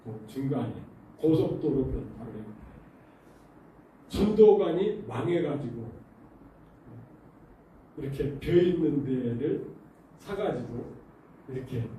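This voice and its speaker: The preacher, a man with a fairly high-pitched voice, keeps his sermon lively by telling stories and putting rhetorical questions to the congregation. It takes place in a church sanctuary. His voice is off-mic in a very echoey hall, picked up from a distance with slight background noise.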